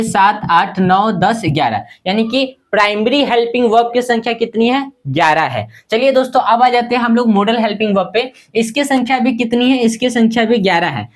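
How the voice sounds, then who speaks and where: A male English teacher explaining grammar in Hindi, asking and answering his own questions and repeating key points for his viewers. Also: high-pitched. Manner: addresses viewers as friends; slows to recite word lists.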